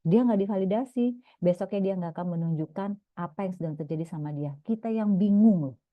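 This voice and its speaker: A woman parenting coach giving a lively online seminar talk, acting out little scenes between parents and children. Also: lowish voice, brisk, dry recording. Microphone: video call. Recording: dry, phone-like video call audio.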